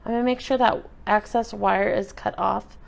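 A woman giving a relaxed, chatty step-by-step craft tutorial while she works with her hands at a table indoors. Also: mid-range voice, moderate pace, creaky. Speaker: craft instructor.

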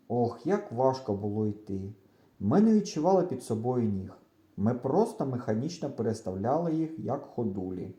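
A man reading a children's adventure book aloud as expressive audiobook narration. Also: mid-range voice, echoey room. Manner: storytelling, animated. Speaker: audiobook reader.

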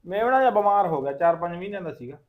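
A man's voice: high voice, expressive, lo-fi sound. A man playing a boastful, scheming village goat-keeper. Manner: quick, wheedling, boastful talk.

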